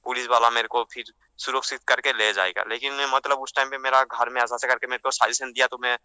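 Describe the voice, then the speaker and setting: Man, 20s, rambling storyteller; monotone but bright and crisp, dry close sound. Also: medium pitch, fast talker, no room sound. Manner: rambling, repeats phrases while retelling. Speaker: interviewee recounting a scam. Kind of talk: casual storytelling.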